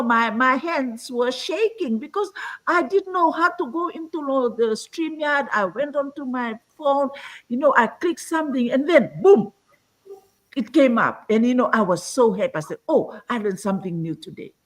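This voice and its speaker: Woman, 60s, from Fiji, live-stream guest, earnest, middle pitch, lots of "you know". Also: a bit bright, low-quality recording. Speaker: guest entrepreneur. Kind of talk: online live-stream interview.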